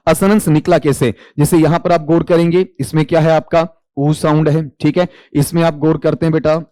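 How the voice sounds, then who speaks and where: A man's voice: fairly high pitch, warm tone, dry recording. A male English teacher with a Hindi accent, explaining an exam question and quizzing students, answering his own questions and calling them "beta". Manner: calls students 'beta'. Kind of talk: exam-prep lecture.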